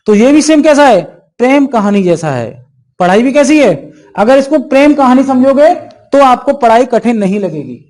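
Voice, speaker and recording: A man's voice: extremely high pitch, darkish tone. A male teacher lecturing an exam-prep class, asking questions and answering them himself.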